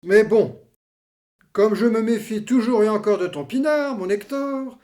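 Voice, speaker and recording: Male actor as grumbling old veteran, high voice, blustering slangy delivery, stage comedy. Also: unhurried, darkish tone. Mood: wary, teasing. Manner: colloquial, blustering, twisted slangy grammar. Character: Achille, grumbling, mocking old war veteran. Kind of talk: theatrical comedy acting.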